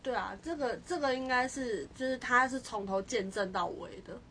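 Higher-voiced young woman, reflective chat. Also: normal speed, fairly bright tone, slight background noise. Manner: reflective, hesitant, with frequent restarts. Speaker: podcast co-host. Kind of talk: casual chat.

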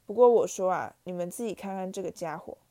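A woman voicing a boisterous, joking headless knight ghost who shouts heartily in a storybook reading. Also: fairly low pitch, fast talker, close to an everyday voice. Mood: hearty.

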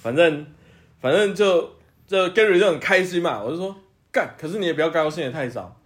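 High-voiced laughing Taiwanese man. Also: animated, brisk. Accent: Taiwanese Mandarin. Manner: laughs often, swears freely, acts out quotes. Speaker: podcast co-host. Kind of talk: casual crude banter.

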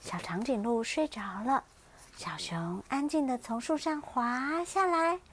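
Slow, gentle high-voiced storytelling mother. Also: lively intonation, a little hiss or hum. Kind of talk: children's bedtime story reading.

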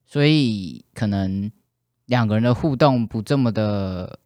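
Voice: medium pitch, unhurried, a little mellow, no room sound, studio quality. A speaker chatting casually and asking questions, dropping in the odd English word. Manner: inquisitive, mixes in English words. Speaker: conversation partner asking questions. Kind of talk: casual chat.

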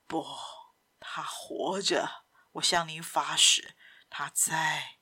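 A woman's voice: deep voice, fairly even intonation, bright, forceful tone, husky, voice pushed down, full character voice. A woman doing a pained, whispering old father. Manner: faint pained whisper, halting. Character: old father, broken and pleading, male. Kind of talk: audiobook character voice.

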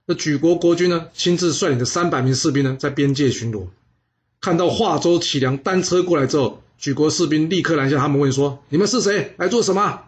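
A man narrating a historical story in a lively, dramatic way. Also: a little high, brisk.

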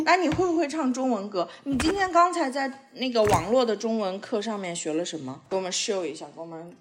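A woman's voice: fairly high pitch, expressive, fairly quick, over music. A woman hosting a podcast, chatting playfully with a small child in coaxing, sing-song questions. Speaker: podcast host. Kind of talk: playful chat with a young child.

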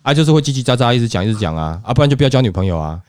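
A man with a Taiwanese accent chatting casually as a podcast co-host, animated, swearing freely and acting out quotes. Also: medium pitch, racing, dry recording. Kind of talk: casual chat.

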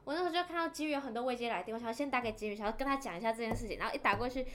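A woman podcast co-host, chatting casually, giggly and excitable. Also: fairly high pitch, very fast. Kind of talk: casual chat.

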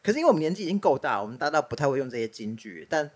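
A man's voice: on the high side, sing-song, very fast, darkish tone. A man with a Taiwanese Mandarin accent co-hosting a podcast, telling anecdotes in casual, bantering comedic chat. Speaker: podcast co-host.

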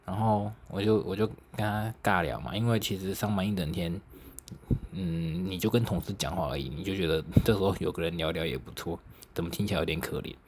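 A man's voice: low-pitched, brisk, slight background noise. A young man with a Taiwanese Mandarin accent hosting a podcast, chatty and self-mocking, laughing and swearing lightly as he tells stories. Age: young adult. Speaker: podcast host. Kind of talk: casual solo storytelling.

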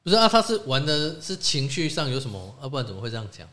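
A man's voice: mid-range voice, sing-song, sharp tone. A man, co-hosting a podcast and chiming in with teasing remarks. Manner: teasing, quick interjections. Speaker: podcast co-host. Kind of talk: casual chat.

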